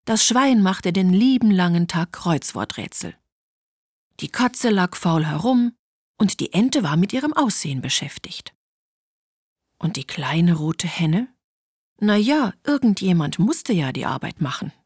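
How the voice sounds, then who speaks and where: Slow, husky woman reading a storybook. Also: on the low side, no echo, clean studio sound. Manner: animated, with hushed whispered asides.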